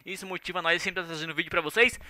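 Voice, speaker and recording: A young man with a Brazilian Portuguese accent giving excitable, slangy commentary over his shooter gameplay. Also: high voice, rapid-fire, no echo. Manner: excitable, slangy, shouts at the game. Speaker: gaming channel host. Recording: gunfire noise under voice. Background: game gunfire.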